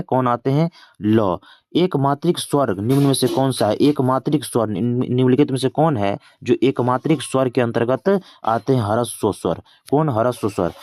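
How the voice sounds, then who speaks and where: A man's voice: medium pitch, a little mellow, no room sound. Man, grammar tutor, repeats questions before answering, casual teaching, dry close sound. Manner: repeats each question, then answers it himself; casual teaching with English filler words. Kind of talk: exam-prep grammar lesson.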